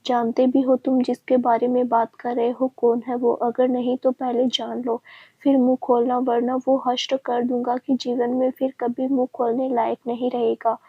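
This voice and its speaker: A woman reading the lines of an angry, threatening young male CEO in a family story, with a husky voice. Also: a little high, completely flat delivery, normal speed, no room sound. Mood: furious. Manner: threatening, commanding. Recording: dry, dull lo-fi sound.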